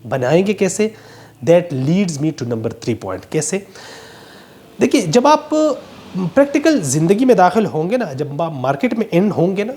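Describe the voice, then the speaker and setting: A man's voice: high-pitched, a little mellow. A man giving an emphatic, preachy motivational talk straight to his viewers. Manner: emphatic, preachy, calls listeners "brother". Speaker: motivational speaker.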